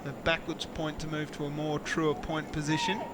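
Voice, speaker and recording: Tasmanian man commentating over loud outdoor noise. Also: fairly high pitch, flat delivery, normal speed. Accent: Tasmanian Australian. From Tasmania, Australia. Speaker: play-by-play cricket commentator. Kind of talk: live sports commentary, conversational. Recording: very noisy outdoor ground, traffic ambience.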